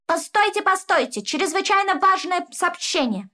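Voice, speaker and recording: A woman's voice: high voice, expressive, moderate pace. A woman voicing a male dwarf servant with a nasal, fawning way of talking in a storybook reading. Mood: urgent. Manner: fawning, breathless urgency.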